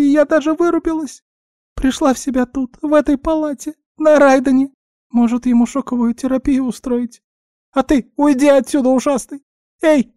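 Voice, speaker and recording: A man voicing a bossy, excitable female magic guinea pig familiar in an audiobook, loud and scolding. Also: very high-pitched, dry recording, studio quality, pitched above the performer's own voice. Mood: alarmed. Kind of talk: audiobook character voice.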